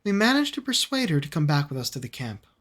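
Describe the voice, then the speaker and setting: A woman streamer reads a game story aloud with expressive delivery. Her voice sits a bit low but moves lively through the lines, with quick self-aware asides.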